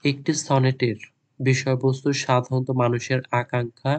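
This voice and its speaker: Slow, flat-voiced male tutor. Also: mid-range voice. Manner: dictates English answers word by word, then explains in quick Bengali. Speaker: teacher. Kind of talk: exam lesson, reading English slowly and explaining in Bengali.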